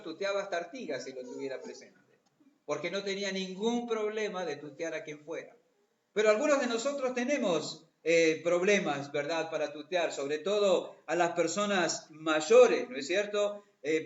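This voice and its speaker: A man preaches a sermon in a fairly high voice, tagging his points with rhetorical questions. The recording is dull and muffled, and his voice rings out through a roomy church hall. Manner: rhetorical questions with repeated tags. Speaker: pastor.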